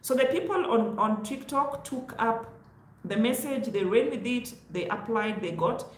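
A middle-aged woman with a Kenyan accent hosts a careers advice vlog, giving viewers casual, emphatic advice from a small indoor home office. Her voice is a little high and animated at a measured pace, recorded in an echoey untreated room.

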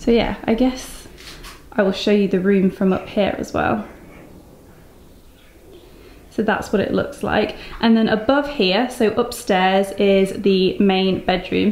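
Here an English-accented vlogger in her thirties gushes with enthusiasm, her medium-pitched voice carrying a darkish tone. It's a casual, chatty tour of a room at home, a car, and a brick barn and yard, recorded in echoey rooms with noticeable noise behind her.

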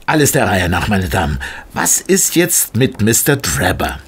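An actor playing an official, self-satisfied Scotland Yard inspector in a radio play, questioning formally and briskly. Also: male voice, on the low side, sing-song, breathy edge, full character voice. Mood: businesslike. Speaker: actor in an audio drama. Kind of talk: German radio play dialogue.

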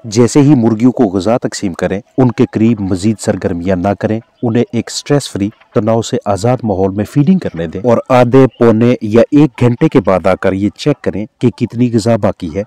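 A man's voice: fairly low pitch, dry recording. Man, Pakistani Urdu accent, veterinarian, formal instructive narration, dry close sound. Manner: formal, instructive, steady delivery. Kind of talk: scripted voice-over narration.

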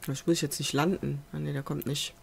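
A woman's voice: low voice, level tone, fairly quick, vocal fry, slightly rough. A woman giving casual let's play commentary, chatting to viewers and muttering to the animals she tames, on a USB desk microphone at home. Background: faint festival noise from outside.

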